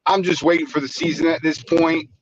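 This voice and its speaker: A man's voice: fairly high pitch, steady tone, a little fast. A man calling into a show from his car while driving, talking in a laid-back, rambling way with some grumbling over a dull, lo-fi phone line. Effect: phone call from a car while driving. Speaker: caller. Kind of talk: casual call-in chat.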